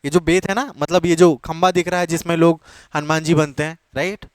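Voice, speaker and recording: Man, coaching teacher, high voice, dry close sound, repetitive classroom lecture. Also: fairly even intonation, a little fast, dry recording. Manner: repetitive, keeps checking with students; mixes English terms into his teaching.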